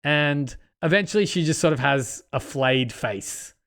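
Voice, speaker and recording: A man with a fairly high voice hosts a casual podcast. He retells a film's story with animated energy and acts out its lines along the way. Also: unhurried. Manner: animated, retelling a film plot with acted-out quotes. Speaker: podcast host.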